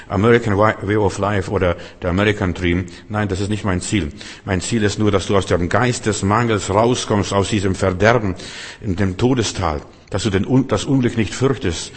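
A man with a fairly low voice preaches with emphatic, insistent delivery, addressing the listener head-on in short repeated phrases. His words ring out with a long reverb tail, as in a large hall or church. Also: slightly rough. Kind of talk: sermon.

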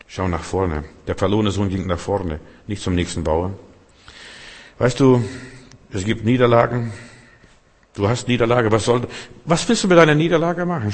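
Emphatic low-voiced male preacher in a reverberant hall. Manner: emphatic, addresses listeners directly with repeated "weißt du". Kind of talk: sermon.

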